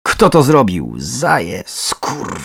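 A man's voice: medium pitch, expressive, normal speed, no room sound, natural voice. Foul-mouthed young woman in a crime audiobook, clipped and hostile, put on by a male narrator, dry recording. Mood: aggressive. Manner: curt, snapping, cursing.

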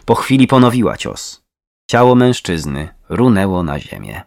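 Male true crime narrator, low and expressive, dry close recording. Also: normal speed, vocal fry, no echo. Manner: dramatic, tense narration.

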